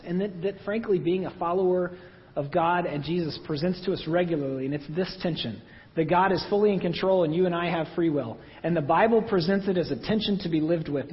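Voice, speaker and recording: A man preaching a sermon in a church, talking in a conversational way with self-deprecating asides. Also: a little high. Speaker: pastor. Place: church hall. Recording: dull sound with long hall reverb.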